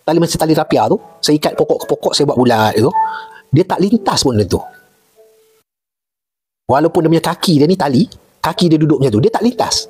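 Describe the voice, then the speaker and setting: A man's voice: on the high side, big pitch swings, a little fast, pauses often, a little mellow, husky, soft background music. A middle-aged man with a Malaysian Malay accent, a retired army major telling jungle stories in casual chat and repeating points for emphasis.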